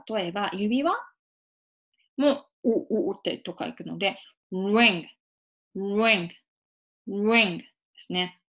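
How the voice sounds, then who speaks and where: Gravelly-voiced woman teaching pronunciation. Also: mid-range voice. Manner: patient, demonstrates sounds slowly with drawn-out vowels. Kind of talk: casual spoken lesson. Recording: lo-fi dull sound.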